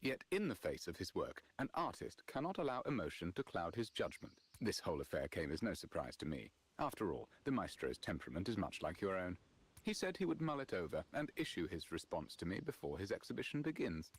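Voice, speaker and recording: Scandalized, pompous aristocrat, swooping delivery. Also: male voice, sits low, big pitch swings, a little fast, husky, full character voice. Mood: haughty disdain. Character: haughty, scandalized aristocratic male ice artist. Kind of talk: theatrical video game character acting.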